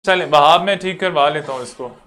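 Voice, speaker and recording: A man teaching an online lecture, going over each rule slowly and repeating it step by step. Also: on the high side, fairly bright tone. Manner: repetitive, explains slowly step by step.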